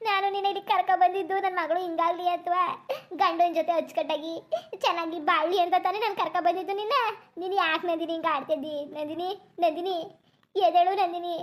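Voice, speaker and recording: An anxious village mother from a cartoon, acted by a woman who wails and pleads in rustic, colloquial speech. Her voice sits very high and her words tumble out quickly, and she turns sharply scolding when she is angry. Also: fairly even intonation. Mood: lamenting. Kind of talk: cartoon voice acting.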